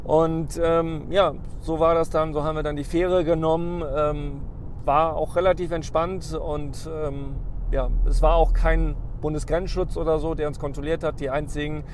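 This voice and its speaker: His fairly high voice barely moves in pitch as this vlog host drives through a snow-covered forest, speaking at a moderate pace with hardly any pauses. Still, his casual travel commentary rambles, full of ums and restarts, recorded on a dashboard camera with faint car noise.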